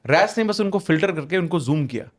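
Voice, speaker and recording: A man speaking as a guest on a podcast, his voice sitting a little higher than most men's. He is emphatic, repeats key phrases to drive them home and slides into English mid-sentence. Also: expressive, a little fast. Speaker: podcast guest, manifestation author. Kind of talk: casual podcast conversation.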